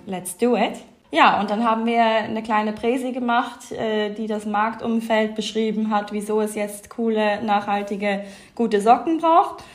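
A woman in her thirties from Switzerland with a Swiss accent, a company co-founder chatting as a podcast guest with many fillers and frequent laughs. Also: a little high. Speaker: fashion label co-founder, guest. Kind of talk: casual podcast interview.

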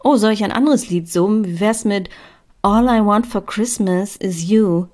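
A woman's voice: mid-range voice, a little fast, dark tone, voice pushed up, close to an everyday voice. A woman doing a teasing young man. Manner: teasing, chatty. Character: chatty teasing young man, best friend.

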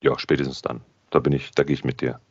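A man's voice: very deep voice, little pitch movement, fast, no room sound. A man hosting a casual podcast chat, chatty and jokey, thinking aloud as he goes. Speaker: podcast host. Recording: dull lo-fi sound.

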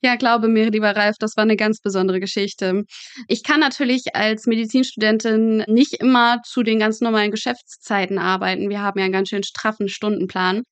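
A little fast and level in tone, this woman's mid-range voice sounds clear and resonant, captured in a dry recording. In her twenties, she's a medical student at a pathology practice, and as an interview guest she livens things up with funny, vivid stories told colloquially.

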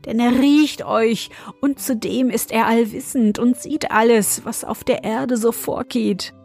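Brisk, kind young wife in a storybook, raised voice, read by a woman. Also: on the high side, steady tone, gravelly, darkish tone, soft background music. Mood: warning.

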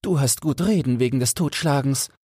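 A man's voice: mid-range voice, moderate pace, a little mellow, slightly rough, no room sound, studio quality, voice pushed up, natural voice. A man voicing Felix, a young goldsmith apprentice, fearful and pleading in a fairy-tale audiobook. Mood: anxious, pleading.

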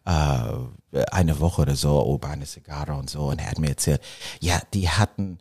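A man's voice: very deep voice, a little mellow. A middle-aged man with an American English accent speaks non-native German in a casual interview, hesitating and mixing in English words. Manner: halting non-native German sprinkled with English words, frequent tag questions. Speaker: podcast guest, marketing business owner.

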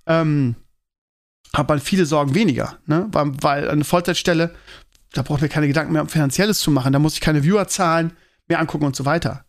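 Chatty, higher-voiced German-speaking man rambling. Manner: rambling, many fillers and "ne?" tags. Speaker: podcast host and teacher. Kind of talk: casual monologue to listeners.

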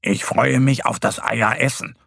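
A man's voice: medium pitch, steady tone, a little slow, gravelly, fairly bright tone, no room sound, studio quality, full character voice. A man voicing Mo, a little boy bear in a children's story who speaks in a hesitant, mumbling way. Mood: content.

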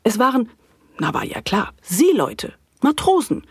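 Husky, animated woman storyteller. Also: a little high, unhurried, no echo, studio quality. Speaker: narrator. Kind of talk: expressive children's story narration.

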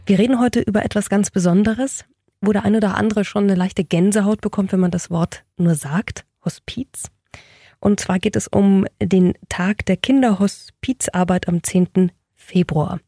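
A woman's voice: mid-range voice, fairly even intonation, moderate pace, dark tone, husky, no echo. A woman speaking as a public radio host in a studio, welcoming guests politely and putting questions to them conversationally.

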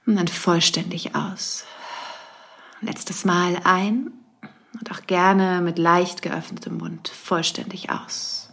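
A woman with a lowish voice narrates a guided meditation in the manner of a sleep story. She speaks slowly and soothingly, leaving pauses and letting breathy exhales through. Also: fairly even intonation, fairly bright tone. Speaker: podcast host.

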